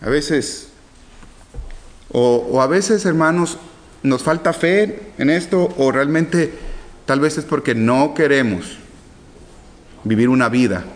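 A man preaching a Bible teaching sermon, reading verses slowly and then asking and answering his own questions. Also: mid-range voice. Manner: animated, swinging from loud to hushed.

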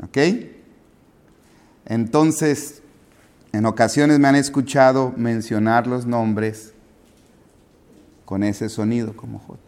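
A man's voice: medium pitch, steady tone, slow pace, long pauses, a little mellow. A man preaching as a pastor, chatty and teasing, stopping to quiz the congregation. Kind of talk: sermon with asides to the congregation. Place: church.

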